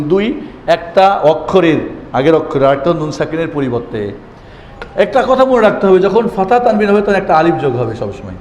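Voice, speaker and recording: The man's fairly high voice has a darkish tone and cut-off highs, over slight background noise in an echoey hall with faint ambience. He teaches Quran reading like a class, repeating key words and answering questions he raises himself.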